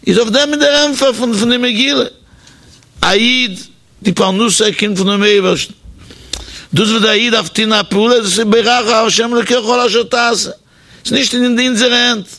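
A man with a high, gravelly voice tells a religious story in sermon style. He talks animatedly and shifts his pitch for the people in the story, often stumbling over repeated words and fillers. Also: fairly even intonation, normal speed, sharp tone.

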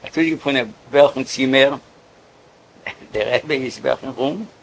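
A man telling a story casually, in a halting way, often repeating words. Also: mid-range voice, a little hiss or hum, rough recording.

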